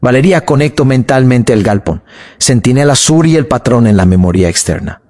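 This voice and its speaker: A man narrating a fictional crime story in a calm, measured documentary style. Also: mid-range voice. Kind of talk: scripted true-crime narration.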